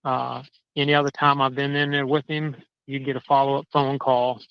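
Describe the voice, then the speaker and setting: Man, crackly cell phone line cutting in and out, muffled lo-fi sound, dry, halting indignant talk. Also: mid-range voice, little pitch movement, gravelly, smooth, no echo. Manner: halting, restarts and repeats words, indignant. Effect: crackly phone line that fades in and out. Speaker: caller. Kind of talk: casual chat. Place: outdoors, walking a dog.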